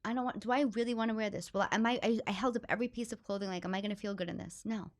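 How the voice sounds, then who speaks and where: A woman from the Bronx with a New York accent, a stand-up comedian chatting in an interview, loud and expressive. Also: medium pitch, racing. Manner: animated, talks with hands, loud and expressive. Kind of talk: casual interview chat.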